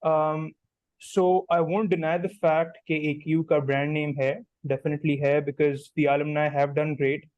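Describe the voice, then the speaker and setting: A man's voice: on the high side, no echo, lo-fi sound. A young man in his twenties with a Pakistani accent, a guest doctor talking casually and slipping Urdu phrases into his English. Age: 20s. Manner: mixes Urdu phrases into English, steady and measured. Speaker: guest, newly matched doctor. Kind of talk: casual conversational answers.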